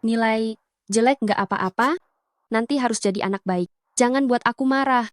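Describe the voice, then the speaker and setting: An actress playing a drunk, heartbroken, bossy young older sister who rambles and scolds in a drama. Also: female voice, a little high, normal speed, no echo, clean studio sound, lightly acted.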